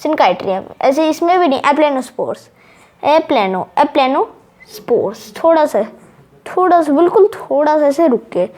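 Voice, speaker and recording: A woman's voice: sits high, a little mellow. A woman giving a casual online lesson, repeating key terms over and over as she drills their pronunciation. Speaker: teacher.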